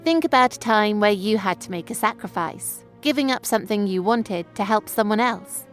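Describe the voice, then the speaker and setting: A woman, explaining a poem clearly and engagingly in a scripted tutorial. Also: medium pitch, expressive, normal speed, soft background music. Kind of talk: scripted educational narration.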